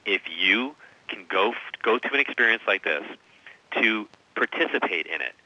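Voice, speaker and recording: Emphatic man in his forties, sharp bright voice. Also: fairly low pitch, lively intonation, normal speed, no room sound. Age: 40s. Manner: emphatic, storytelling. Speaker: psychic medium guest. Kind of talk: interview conversation. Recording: dull radio-style audio.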